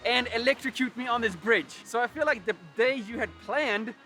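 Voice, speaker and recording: A man from Sweden, a guest on a travel vlog outdoors, relaxed and wry with many fillers. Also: very high-pitched, moderate pace, faint music behind. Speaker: guest vlogger. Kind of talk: casual travel vlog chat. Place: outdoors in a park.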